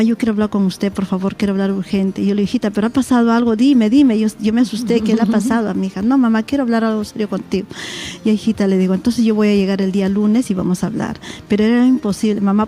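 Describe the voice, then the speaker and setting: A woman's voice: mid-range voice, warm tone. A middle-aged woman with a Peruvian accent, a mother giving her testimony on a church talk show and acting out remembered dialogue. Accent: Peruvian Spanish. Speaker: interviewed mother.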